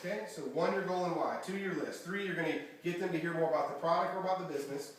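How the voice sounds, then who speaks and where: A man giving an energetic motivational seminar talk as a network marketing trainer, quizzing the audience with questions. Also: fairly high pitch, quick pace. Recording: echoey room from far off, faint background noise.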